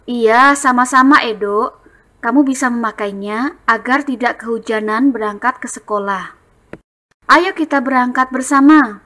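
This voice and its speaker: A woman voicing Benny, a friendly and generous young schoolboy, in a bright, sing-song storybook reading voice. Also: on the high side, unhurried. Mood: cheerful, helpful.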